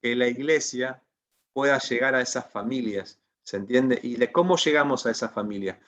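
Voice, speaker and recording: A man's voice: medium pitch, normal speed, fairly bright tone. Man teaching an online Bible class. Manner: preacherly, asks the class for assent. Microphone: video call.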